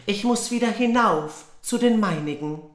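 A woman's voice: medium pitch, lively intonation, moderate pace, pitched above the performer's own voice, close to an everyday voice. A woman voicing a homesick, dutiful young girl in a raised, earnest voice. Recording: roomy echo.

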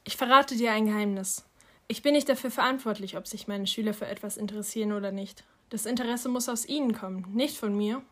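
A woman reading an audiobook, voicing a gentle, protective mother who is also a teacher, speaking softly and patiently. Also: mid-range voice, fairly quick. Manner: soft, patient.

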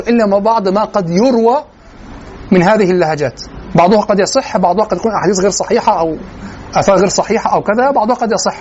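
A man's voice: high-pitched, darkish tone. A man with an Egyptian accent giving a classroom lecture, moving between colloquial and formal Arabic and checking in with his students as he explains. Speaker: lecturer in Quranic sciences. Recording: dull lo-fi room recording with faint noise.

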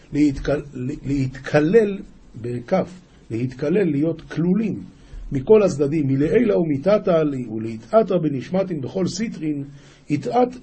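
A rabbi with a slightly high, mellow, breathy voice gives a daily lesson. He reads an ancient religious passage aloud and explains it phrase by phrase, often restarting words and correcting himself.

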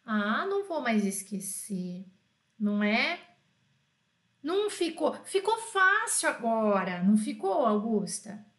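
A woman teaching French in a live online lesson, lively and coaxing, talking straight to her viewers by name. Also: on the high side, slow pace, reverberant.

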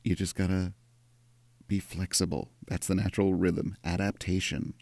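A man's voice: sits low, flat delivery, normal speed, creaky, darkish tone, dry recording. A man, chatting casually and playfully to his audience in a sleepy, just-woken-up voice. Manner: playful, self-mocking. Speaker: vlogger. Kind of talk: casual direct-to-camera chat.

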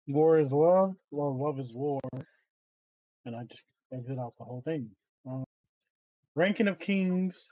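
A man's voice: medium pitch, mellow, no echo, low-quality recording. A man co-hosting a podcast, chatting casually and correcting himself as he goes. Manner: rambling, self-correcting. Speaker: podcast co-host. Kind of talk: casual chat.

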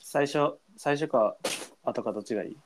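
A man's voice: moderate pace, background noise. A man with a Kansai accent co-hosting a casual podcast, playing an improvised word game and laughing often. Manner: playful, laughs often, animated pitch. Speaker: podcast co-host.

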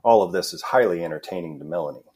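A man reads the stage directions of a short play in a steady, measured voice. His tone is husky and sits on the low side. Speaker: guest narrator.

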